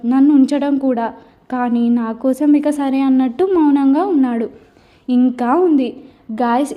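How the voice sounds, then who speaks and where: High-voiced woman narrating a love story. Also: dark tone. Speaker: writer and narrator. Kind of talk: first-person scripted story narration.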